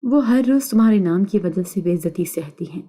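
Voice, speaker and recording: A woman voicing a bitter young sister-in-law who speaks quietly and pleads. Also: fairly low pitch, animated.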